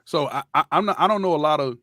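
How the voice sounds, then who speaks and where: Casual guy hosting a chat, higher voice that jumps around, dry close sound. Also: pushed and bright, dry recording. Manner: easygoing, slangy, quick to react. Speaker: host.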